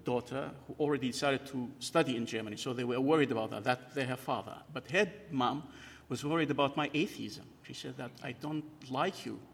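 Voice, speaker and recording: A middle-aged man from Kurdistan in northern Iraq gives a hesitant personal testimony at church, full of fillers and restarts. His voice is medium-pitched and creaky, and he talks fairly quickly with hardly any pauses. The recording carries a long hall reverb.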